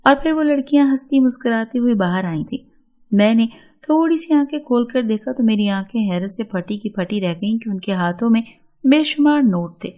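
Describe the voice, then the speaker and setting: A woman with an Urdu accent narrates a first-person story in a steady, earnest read. Her voice sits a little high yet sounds mellow and warm rather than bright.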